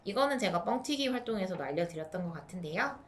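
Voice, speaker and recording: A young woman teaching parents play activities for small children, switching into a bright sing-song voice when acting out what to say to a child. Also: fairly low pitch, animated, fast talker, a little hiss or hum. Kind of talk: instructional video for parents.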